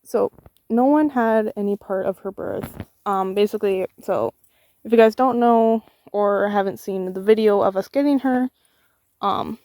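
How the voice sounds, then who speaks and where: Young female vlogger, mid-pitched, indignant and argumentative, casual delivery, very dry close recording. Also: darkish tone, no echo. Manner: indignant, argumentative, counts off points. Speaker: vlogger with a service dog. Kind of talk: casual commentary replying to online comments.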